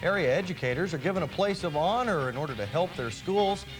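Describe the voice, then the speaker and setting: A man's voice: on the high side, expressive, brisk, over music, poor audio. A man reading scripted television news as an anchor. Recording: hissy early 1990s TV broadcast.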